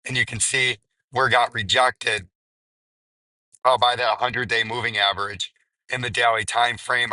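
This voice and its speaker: A man hosting a market commentary video, hoarse and raspy, his strained voice nearly gone. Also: fairly low pitch, bright, forceful tone, no room sound, low-quality recording. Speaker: crypto video host.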